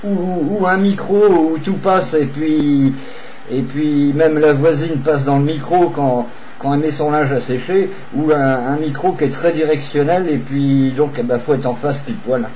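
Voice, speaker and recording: A man on a CB radio chats with another operator, repeating himself and hesitating as he uses radio procedure phrases. His somewhat high voice is steady in tone and darkish, at a normal speed. The CB recording sounds dull and slightly noisy.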